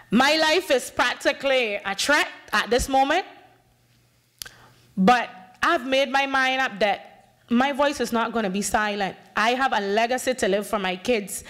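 Her voice on the high side and a bit bright, a woman in her thirties from Honduras's Bay Islands speaks passionately at a conference podium with a Bay Islands English accent. As a panel speaker and community activist, she gestures widely, talks emphatically, and acts out dialogue, picked up by a podium microphone.

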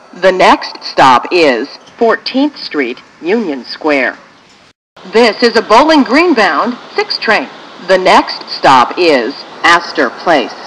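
A woman with an American accent reads scripted train station announcements in measured, formulaic phrases. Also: medium pitch, a bit bright, a little hiss or hum, rough recording.

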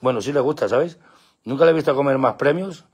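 A man's voice: a little fast, husky. A man hosting a casual live stream with his dogs outdoors at night, talking into a handheld phone and calling to the dogs in a playful, coaxing way. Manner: coaxing, playful, breaks into high excited calls to the dogs. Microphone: phone held in hand.

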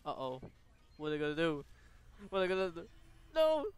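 Low-pitched and a little mellow, this woman speaks in a fairly quick, sing-song way while streaming a game. Her let's play commentary is dramatic and reactive, full of repeated phrases and game text read aloud, over background music.

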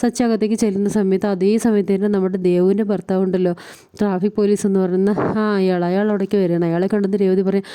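A woman's voice: mid-range voice, little pitch movement, fast talker, dark tone, clear, resonant tone. A woman casually recapping a TV serial episode, retelling scenes and quoting each character's lines in turn.

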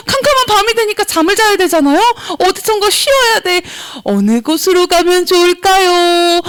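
A young woman teaching a children's sermon, telling a Bible story and acting out the characters' voices as she talks to the kids. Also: extremely high pitch. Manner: animated, addresses kids directly, acts out voices.

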